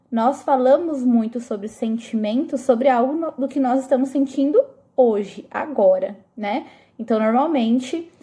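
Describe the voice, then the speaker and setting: A woman's voice: high voice, warm tone. A woman teacher giving a review lesson to eighth graders, explaining patiently and often stopping to check that the students follow. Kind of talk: recorded classroom review lesson.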